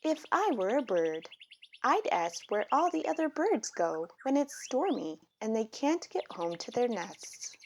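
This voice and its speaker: Woman, higher-pitched voice, very animated intonation, expressive children's read-aloud, birdsong and some noise behind. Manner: deliberate, expressive phrasing for young children. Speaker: storybook reader.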